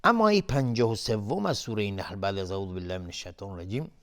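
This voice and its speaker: Patient male recitation teacher. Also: lowish voice. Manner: alternates plain explanation with slow, raised, melodic chanting of verses; patient, repeats words and breaks them into syllables. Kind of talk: televised recitation lesson.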